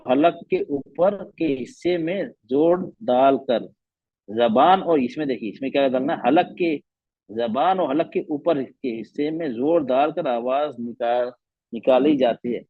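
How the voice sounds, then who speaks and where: A man's voice: medium pitch, dry recording, phone-quality sound. A man teaching a Quran recitation class online, patiently repeating letter sounds to demonstrate them.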